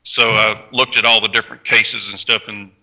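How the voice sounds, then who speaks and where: Very bright, sharp-voiced American man. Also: on the low side, level tone, normal speed, low-quality recording. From Tennessee, United States. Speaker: novelist, podcast panel guest. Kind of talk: casual spoken book introduction.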